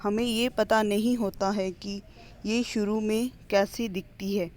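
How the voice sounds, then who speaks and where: A woman teacher, reading a primary school lesson aloud slowly and clearly, pausing between the items of each list. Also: mid-range voice, steady tone, a little mellow. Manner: slow, clear classroom reading with list-like pauses.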